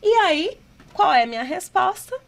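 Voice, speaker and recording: A woman teacher with a Brazilian Portuguese accent and a high voice explains exam questions in a prep lesson. She keeps asking rhetorical questions and reads the English items slowly and deliberately. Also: expressive, gravelly.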